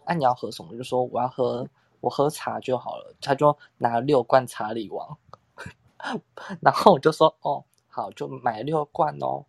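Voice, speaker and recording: Young man, husky, rambling storyteller. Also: mid-range voice, no echo. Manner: rambling storytelling, acts out quotes, laughs often. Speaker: podcast co-host. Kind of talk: casual chat.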